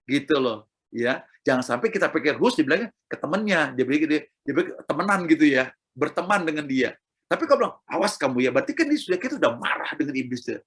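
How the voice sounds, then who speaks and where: A middle-aged man delivers a sermon with a slightly husky, breathy tone. His pitch swings widely as he drives points home and repeats himself. He speaks straight to his listeners. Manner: emphatic, repetitive, addresses listeners directly. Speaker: preacher.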